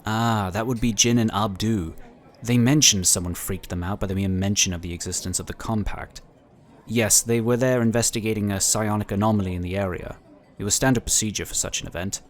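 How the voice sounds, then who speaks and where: In a sci-fi audio drama, a man plays a calm inquisitor of a psionic order, speaking in his natural, fairly low voice. He is formal and courteous, laying things out with measured care in a matter-of-fact mood.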